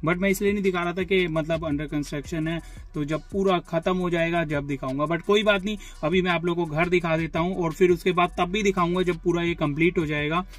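A man's voice: on the high side, steady tone, fairly quick, few pauses, faint music behind. A man in his thirties with an Indian accent, chatting casually to his vlog audience from inside a parked van, filmed on a phone held at arm's length. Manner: chatty, explanatory, mixes in English words. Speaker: vlogger. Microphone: phone camera at arm's length.

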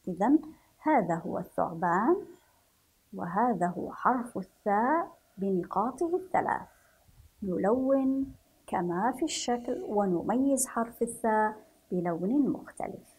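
A woman teaching first graders to read, stretching out each word slowly and praising them softly. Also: mid-range voice, expressive, slightly rough, poor audio. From Yemen. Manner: slow, drawn-out syllables for children, praising softly. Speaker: primary school teacher. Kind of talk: children's reading lesson.

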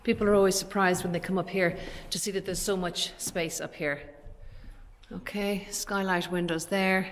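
A woman's voice on the low side, fairly even in intonation and at normal speed, belongs to an Irish estate agent in her forties. She talks as she walks, giving a chatty, explanatory, informal tour of an empty commercial unit with large bare rooms.

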